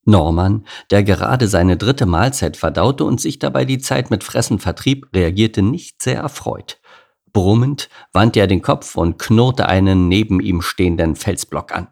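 A man narrating a children's animal story as an audiobook, reading lively and expressively. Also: lowish voice, measured pace, vocal fry.

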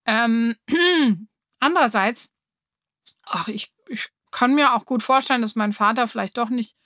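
Woman reading as an enthusiastic schoolgirl, bubbly, fairly high, dry close sound. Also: measured pace, pushed and bright, no echo. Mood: hesitant. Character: eager cheerful schoolgirl. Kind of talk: audiobook reading.

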